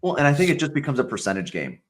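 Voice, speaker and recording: A man with an everyday, mid-pitched voice joins a casual live-stream chat. He talks in a relaxed, matter-of-fact way and lets some thoughts trail off. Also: rapid-fire.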